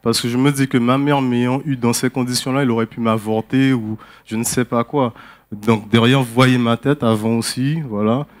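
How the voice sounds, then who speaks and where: A French Guianese man shares his personal testimony during a church service, speaking candidly and conversationally with frequent pauses. His voice is a typical male middle pitch, and his tone stays steady.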